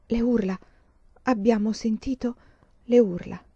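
A woman voicing a weary, steady peasant man who speaks slowly and haltingly, on a dull lo-fi recording. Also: extremely high pitch, breathy edge, dry recording, pitched above the performer's own voice, heavily acted. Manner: slow and halting.

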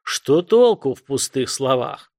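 A man performs an ancient warrior god in this storybook voice. He speaks slowly and loudly, with scornful weight on every phrase. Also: medium pitch, sing-song. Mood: stern. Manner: slow, weighty, scornful pronouncements. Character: gruff ancient male warrior god, stern and proud.

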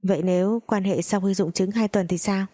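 A woman's voice: medium pitch, steady tone, fairly quick, warm tone, close to an everyday voice. A woman voicing a curt, harsh young husband. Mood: questioning. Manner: curt, commanding.

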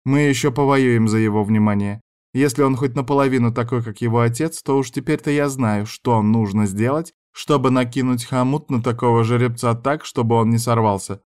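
A man voicing a stern, bossy older noblewoman who scolds and commands in a brisk way. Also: mid-range voice, steady tone, a little mellow, smooth, lightly acted. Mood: scolding.

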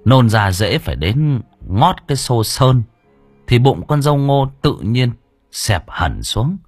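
A man narrating an audiobook story in a lively, expressive way. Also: mid-range voice, takes it slowly, dry recording, soft background music.

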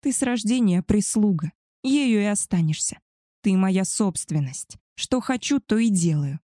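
A woman's voice: medium pitch, expressive, measured pace, mellow, no echo, clean studio sound, lightly acted. A woman voicing an arrogant, spoiled young she-wolf woman who talks down to others in a haughty, contemptuous way. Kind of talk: audiobook character voice.

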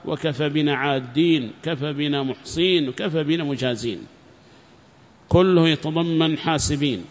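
A man's voice: on the high side, normal speed. A male teacher giving a classroom lesson on Quran commentary, explaining word meanings step by step, repeating key phrases and quizzing his students.

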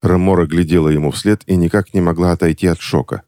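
A man narrating a fantasy novel as an audiobook reader, with expressive storytelling. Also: deep voice, fast talker, no echo, clean studio sound.

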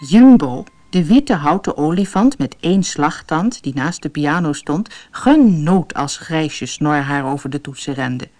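A woman's voice: deep voice, lively intonation, a little slow, few pauses, darkish tone, no room sound, soft background music. A woman reading a children's fairy tale aloud as a storybook narrator, telling it expressively.

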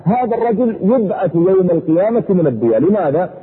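A man preaching a sermon in a husky voice, fervent, his pitch sweeping up and down. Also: sing-song, fairly quick. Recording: echoey hall over a tinny phone-like line.

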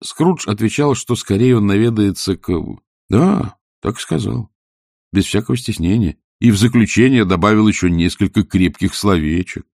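A man narrating a story with expressive storytelling. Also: fairly low pitch, fairly quick, hardly any pauses, dry recording, clean studio sound. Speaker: audiobook narrator. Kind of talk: scripted narration.

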